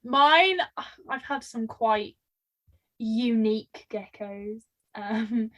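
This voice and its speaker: Chatty woman podcaster, high voice, animated storytelling, lots of "like". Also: drawn-out words, highs cut off. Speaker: podcast co-host. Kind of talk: casual chat.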